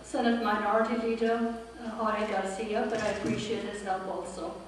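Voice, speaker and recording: A woman in her fifties, born in India and raised in Pakistan, giving an earnest, measured campaign speech with dry humor at a forum. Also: mid-range voice, little pitch movement, a little hiss or hum. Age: 50s. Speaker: political candidate. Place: forum room with an audience. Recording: echoey hall from far off.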